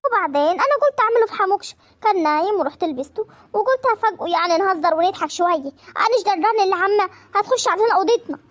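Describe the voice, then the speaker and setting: A woman's voice: extremely high pitch, expressive, rapid-fire. A woman voicing a playful, cheeky young bride in an Egyptian cartoon, speaking with an Egyptian accent. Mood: explaining. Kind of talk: animated cartoon voice acting.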